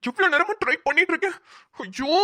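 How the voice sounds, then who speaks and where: A woman's voice: very high-pitched, expressive, a little fast, background noise. A woman voicing a worried young man in a cartoon, calling out urgently over the phone. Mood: panicked. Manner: urgent, worried, repeating the name. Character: young male hero, anxious on a phone call. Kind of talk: cartoon voice acting.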